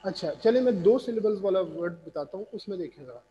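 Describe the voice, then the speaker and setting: A man with a Pakistani accent teaches an online class lecture in a high-pitched, warm, expressive voice, speaking briskly. He patiently quizzes students. The dull audio has a roomy reverb and faint noise.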